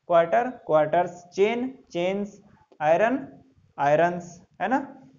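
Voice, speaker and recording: Guy teaching english in class, high voice, spells words out, asks then answers himself, kinda dull lo-fi sound. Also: darkish tone. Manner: repeats answers in call-and-response drilling. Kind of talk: classroom lesson.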